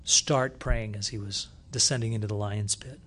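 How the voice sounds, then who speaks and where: A man preaching a sermon, retelling a scripture story with lively storytelling and loud bursts when he reads from the text. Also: lowish voice, moderate pace. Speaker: pastor.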